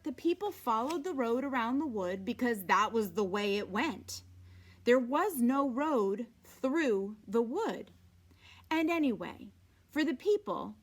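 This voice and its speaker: Reading a story aloud for listeners to follow along, a woman uses a high, very animated voice. She goes slowly, shaping each phrase with deliberate, dramatic expression and sometimes sinking to a hush.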